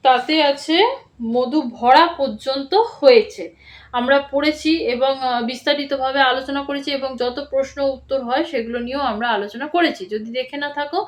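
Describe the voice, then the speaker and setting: A woman teacher giving a patient reading lesson to young children, spelling out words slowly syllable by syllable. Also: steady tone. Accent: Bengali. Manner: asks "ঠিক আছে?" with a sharp rise in pitch.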